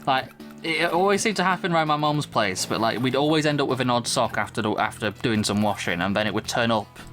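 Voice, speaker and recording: A man's voice: mid-range voice, fast talker, a bit bright, soft background music. A tired man hosting a let's play, rambling and joking in casual chat over gameplay.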